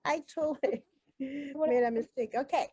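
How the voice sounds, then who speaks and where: A woman on a video call, speaking quickly and apologizing. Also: high-pitched, fairly even intonation, darkish tone, dry recording, highs cut off. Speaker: panelist. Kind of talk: casual chat.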